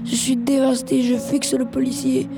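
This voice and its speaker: A woman voicing a grieving older man who stays calm through fear, in a slow first-person dramatic reading. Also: high voice, vocal fry. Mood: somber. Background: background music.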